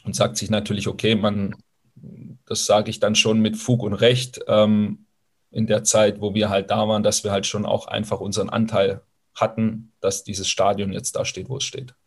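Low-voiced former footballer, reflective. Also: male voice, monotone, moderate pace, breathy edge. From Swabia, Germany, Italian roots. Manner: thoughtful, hesitant, frequent fillers. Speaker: former professional footballer, guest. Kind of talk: reflective interview answers.

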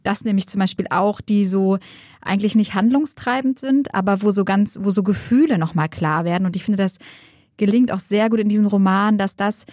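A woman's voice: medium pitch, a little fast, a little mellow, dry recording, studio quality. A woman co-hosting a book podcast, musing aloud in casual chat and often checking in with her partner. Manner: musing, thinks aloud with many tag questions.

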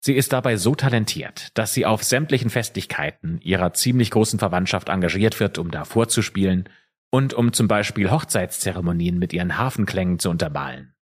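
A man's voice: sits low, fairly quick, slightly rough. A man co-hosting a true crime podcast, telling the case in an easygoing storytelling way with casual asides. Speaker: podcast co-host.

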